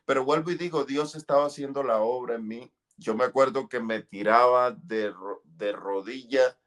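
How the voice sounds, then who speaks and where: A middle-aged man gives an emotional testimony in an interview, earnest and fervent, reliving moments with cries and shouts. His voice is mid-range and his pace moderate.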